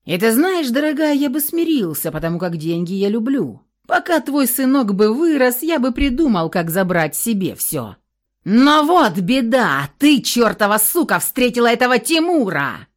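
A woman's voice: on the high side, sing-song, moderate pace, few pauses. A woman reading a cruel, menacing husband. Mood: furious. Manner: shouting insults, then sneering and cold. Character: cruel scheming husband, grown man, cold and menacing. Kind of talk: audiobook character reading.

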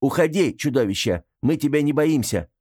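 A man voicing a frightened, meek young woman in a high, trembling voice. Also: lively intonation, normal speed, mellow, husky.

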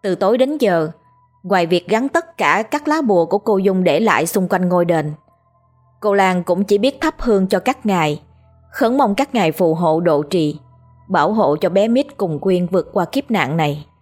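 A woman telling a scripted horror story in a steady, measured way. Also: lowish voice, soft background music.

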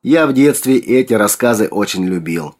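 A restless, impulsive male artist talks briskly and a bit raised, as a male reader puts him on. The voice stays fairly low underneath. He is quick to act. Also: animated, darkish tone. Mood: puzzled.

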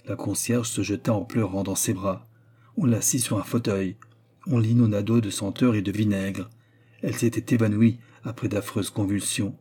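A man narrating a classic novel as an audiobook with a steady storytelling delivery. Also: lowish voice, normal speed, husky.

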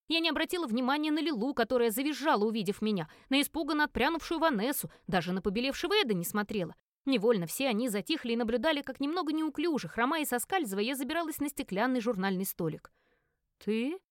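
Woman narrator for a first-person audiobook: animated, fairly high, dry close sound. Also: fast, no echo. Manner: expressive, lively storytelling.

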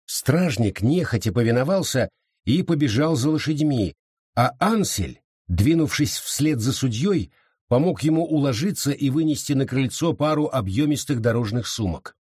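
Expressive husky male audiobook narrator. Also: medium pitch, normal speed, no room sound, clean studio sound. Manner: expressive reading, voices all characters. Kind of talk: scripted narration.

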